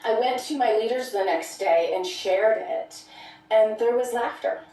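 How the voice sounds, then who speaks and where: A woman telling a personal story of abuse in an earnest, measured way, as a guest in a conversation. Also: on the high side, dark tone, distant mic. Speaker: podcast guest. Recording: echoey room, off-mic.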